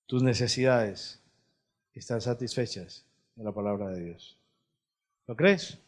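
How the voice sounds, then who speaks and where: A man preaching a sermon as pastor, moving from quiet, low passages to loud, high appeals and asking his listeners questions. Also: a little slow.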